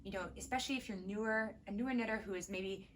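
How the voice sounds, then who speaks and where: A woman's voice: medium pitch, fast, a little hiss or hum. A woman co-hosting a knitting podcast, chatting casually and enthusiastically about yarns with playful asides. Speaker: podcast co-host, yarn shop owner. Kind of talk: casual chat.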